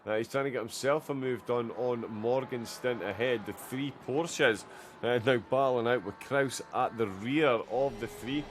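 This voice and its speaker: A man's voice: medium pitch, measured pace, a little hiss or hum. Man giving casual sim racing commentary. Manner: chatty, many "uh" fillers, reacts to the action. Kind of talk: live race commentary.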